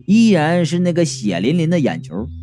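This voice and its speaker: Lively, wry male storyteller. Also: on the high side, moderate pace. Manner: wry, jokey asides. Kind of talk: comic audiobook narration. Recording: faint background music.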